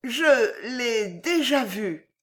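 A woman's voice: on the high side, big pitch swings, moderate pace, a bit bright, voice pushed up. A woman voicing a flustered, hesitant middle-aged lady in an audiobook. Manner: hesitant, stammering. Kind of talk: audiobook character reading.

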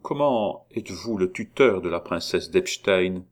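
A man's voice: deep voice, expressive, measured pace. A man reading as a curt young man. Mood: tense. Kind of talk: audiobook reading.

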